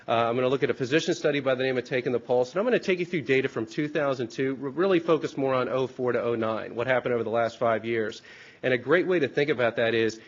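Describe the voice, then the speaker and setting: A man with a hoarse, congested voice gives an informal, explanatory conference presentation, often posing rhetorical questions. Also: mid-range voice, lo-fi sound. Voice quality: hoarse, congested from a sinus infection. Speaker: research company president presenting at a hearing. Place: hearing room with an audience.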